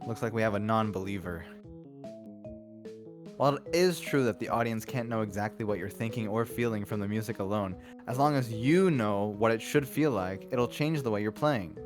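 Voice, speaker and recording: A soft-spoken young violinist teases and calmly coaxes her student along, as a man reads her part in his own voice. Her tone is gentle and instructive, the words read aloud from a visual novel. Game music plays steadily in the background. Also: on the low side, moderate pace, natural voice. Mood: coaxing.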